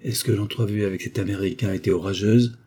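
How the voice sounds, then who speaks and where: A man's voice: on the low side, steady tone, fast, warm tone, slightly rough. A man reading a proud young duke.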